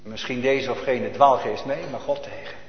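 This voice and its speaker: A man's voice: medium pitch, steady tone, moderate pace. Male pastor preaching in an echoey church. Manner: urgent, swings between loud preaching and hushed near-whispers. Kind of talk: sermon. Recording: echoey church hall, dull lo-fi sound.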